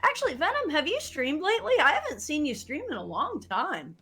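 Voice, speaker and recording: A woman streamer chatting casually with her viewers and co-host, laughing and animated. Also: sits high, brisk. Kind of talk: casual live-stream chat.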